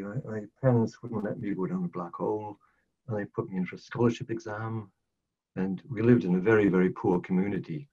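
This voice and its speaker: An older Welsh-accented podcast guest from South Wales speaks in a mellow, breathy-edged voice on the low side. He earnestly relates his life in a casual storytelling interview, repeating phrases to drive points home, and the lo-fi sound is dull.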